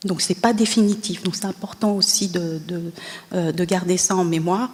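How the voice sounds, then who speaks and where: A woman's voice: on the low side, darkish tone. Hesitant woman lecturing in an echoey hall. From Vietnam. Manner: hesitant, many pauses and fillers, patient explaining. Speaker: university lecturer presenting at a conference. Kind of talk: scientific conference presentation. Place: conference hall at a colloquium. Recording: long reverb of a conference hall.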